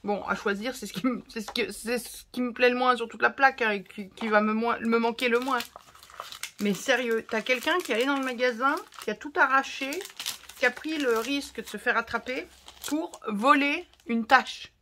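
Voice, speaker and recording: Chatty French woman with a bright voice. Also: on the high side, fairly quick, slight background noise. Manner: chatty and expressive, talks to viewers while unpacking. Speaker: craft vlogger. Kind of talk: casual haul chat to camera.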